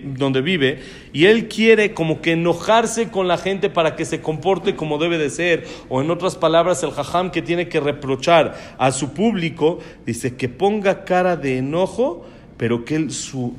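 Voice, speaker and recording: A man giving a conversational religious lecture and asking his students questions along the way. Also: fairly high pitch. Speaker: religious teacher.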